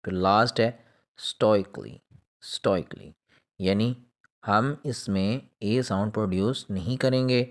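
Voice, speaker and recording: A man's voice: fairly low pitch, measured pace. A man teaching English pronunciation in a video lesson, saying each example word twice and then giving its meaning.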